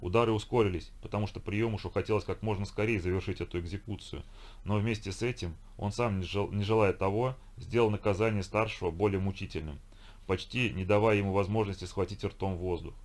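Male audiobook narrator, low voice, steady storytelling. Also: a little fast. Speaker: audiobook reader.

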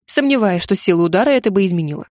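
A woman reading an audiobook plays a calm young dragon knight who teases in a relaxed, mocking way. His voice sits a little lower than the narration, and the reading is dry and close. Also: rapid-fire, no echo, lightly acted. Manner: easygoing, mildly mocking.

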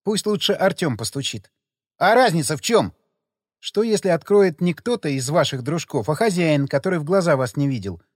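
A man voicing a level-headed, sharp-tongued young woman who reasons coolly. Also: on the high side, lively intonation, moderate pace, no echo, clean studio sound, big-room sound.

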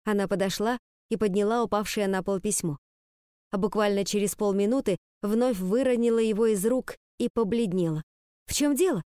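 A woman narrating a story in the first person with a lively storytelling manner. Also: mid-range voice, moderate pace, clean tone, no room sound, studio quality. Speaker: audiobook narrator. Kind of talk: audiobook reading.

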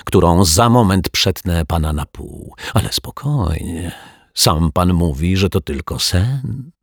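Man playing a raspy storybook magician, low, slow, mocking, menacing. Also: expressive, no echo, studio quality, heavily acted. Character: sly raspy male stage magician, menacing.

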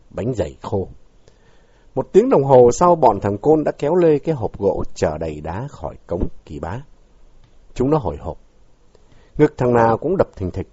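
Husky man reading a story dramatically. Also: lowish voice, mellow, no room sound. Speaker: narrator. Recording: dull lo-fi dry recording.

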